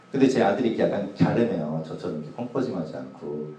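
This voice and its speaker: A deep-voiced youth pastor in his forties tells funny stories during a sermon, his pitch rising and falling a lot. He is caught from a distance in a very echoey church hall. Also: mellow. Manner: casual, humorous anecdotes told to a youth group. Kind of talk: sermon storytelling.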